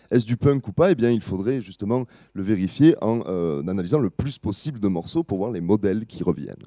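A French-speaking man giving an academic talk as a musicologist, explaining in a measured way with frequent hesitations. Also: mid-range voice, mellow, no room sound, clean studio sound. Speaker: musicologist lecturer. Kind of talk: academic presentation.

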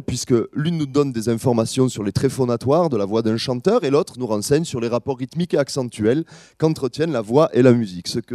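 Animated, mellow-voiced male lecturer. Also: mid-range voice, dry recording, clean studio sound. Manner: measured, explanatory, with frequent fillers. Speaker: musicologist lecturer. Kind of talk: academic presentation.

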